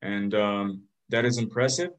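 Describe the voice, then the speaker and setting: A man's voice: lowish voice, steady tone, measured pace, rough recording. A man hosting a basketball podcast, chatting casually and joking as he runs through lists of teams. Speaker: podcast host. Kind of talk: casual sports chat.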